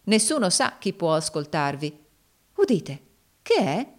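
A woman's voice: lowish voice, sing-song, measured pace, a little mellow. A woman voicing a cold, mocking woman who taunts her master in a dramatic audiobook reading. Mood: mocking, taunting. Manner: scornful, sneering.

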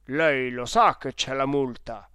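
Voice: mid-range voice, slow pace, sharp tone, smooth, no room sound, studio quality. A reader doing stern railway officials. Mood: firm. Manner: firm, official. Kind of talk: audiobook character voice.

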